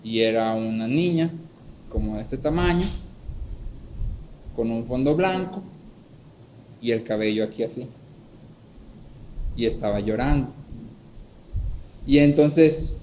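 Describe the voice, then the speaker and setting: A man preaching a sermon, teaching step by step and often checking in with a quick "¿sí?", and acting out a story with lively voices. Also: medium pitch, slight background noise, poor audio. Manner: checks in with frequent "¿sí?". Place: church hall.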